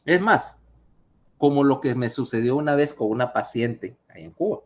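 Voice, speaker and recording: Brief: conversational male lecturer with a mid pitch, over a video call link. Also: lively intonation, moderate pace. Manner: chatty, asks listeners questions. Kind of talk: online lecture with anecdotes.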